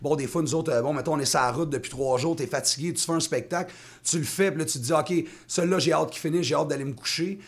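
A man in his thirties with a Québécois accent, a touring singer-songwriter chatting in a radio interview, rambling with many restarts and quick laughs. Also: fairly high pitch, slightly rough. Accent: Québécois French. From Quebec. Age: 30s.

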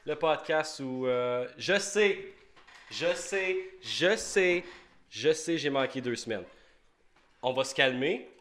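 A man's voice: mid-range voice, a little slow, fairly bright tone, a little hiss or hum. Rambling young Québécois man hosting. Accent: Québécois French. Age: young adult. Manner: rambling, self-interrupting, repeats words. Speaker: podcast host. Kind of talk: casual podcast chat. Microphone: home podcast mic.

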